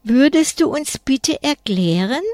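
A woman's voice: high-pitched, lively intonation, a little slow, darkish tone, no echo, studio quality, pitched above the performer's own voice. Woman voicing a flustered, fretful schoolteacher. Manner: worried, flustered. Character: fretful female schoolteacher on a class trip. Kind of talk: storybook reading.

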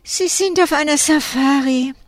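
Woman voicing Silke, a stubborn, high-pitched schoolgirl. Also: unhurried, dry recording, studio quality. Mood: defiant. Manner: stubborn, indignant. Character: defiant schoolgirl with a big dog. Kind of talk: storybook reading.

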